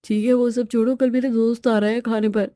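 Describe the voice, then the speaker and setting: A woman's voice: a little high, little pitch movement, brisk, mellow, dry recording, clean studio sound, lightly acted. A woman voicing a weary, henpecked young husband in a storybook tale, grumbling and pleading.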